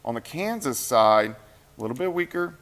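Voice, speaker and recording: On a shared mic in a TV weather center, a meteorologist doing late-night live coverage chats casually and thinks aloud over viewer comments, tired and hungry. His voice is mid-range and a bit bright. He speaks at a moderate pace with lively intonation.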